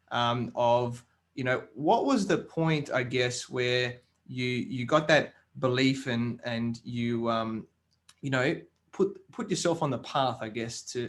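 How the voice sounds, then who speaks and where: A man hosting a business interview podcast, talking over a video call, with a punchy scripted intro and rambling, hesitant questions. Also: mid-range voice. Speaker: podcast host.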